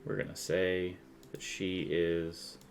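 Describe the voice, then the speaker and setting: A man's voice: low-pitched, monotone, slow pace, slight background noise. A man running a tabletop game as game master, narrating and chatting conversationally with the players.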